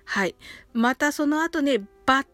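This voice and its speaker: A woman, a native Japanese speaker, gives a slow and patient pronunciation lesson on English song lyrics. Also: sits high, lively intonation, a bit bright, dry recording, soft background music. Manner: slow, careful, patient explaining. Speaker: singing teacher.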